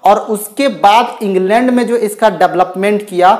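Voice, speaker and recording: A man's voice: high voice, normal speed. A young man giving a chatty video lecture on poetry to students, often saying "guys" and "okay". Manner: chatty, repeats "theek hai" and "guys" often. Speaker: English literature teacher.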